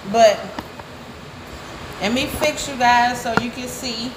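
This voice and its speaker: A young woman talks straight to her viewers as she cooks, in a voice set a little high. Her phone at arm's length catches the echo of the kitchen and plenty of noise around her. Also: fairly even intonation, slow. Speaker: vlogger cooking at home. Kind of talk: casual cooking vlog. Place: home kitchen. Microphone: phone held at arm's length. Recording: echoey kitchen, background noise.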